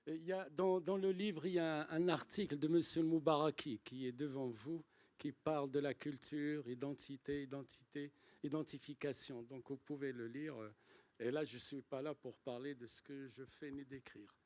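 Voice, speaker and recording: A man's voice: fairly high pitch, steady tone, moderate pace, a little mellow. A man at a conference speaking informally as he handles the exchange with the audience. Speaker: conference speaker handing over the floor. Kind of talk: informal spoken aside.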